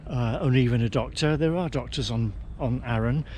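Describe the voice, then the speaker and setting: A man presents a travel vlog with dry, understated opinions. He talks casually at an average pitch, and noticeable noise, including vehicle sounds, runs behind his voice. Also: normal speed, darkish tone. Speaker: vlogger presenting a travel film.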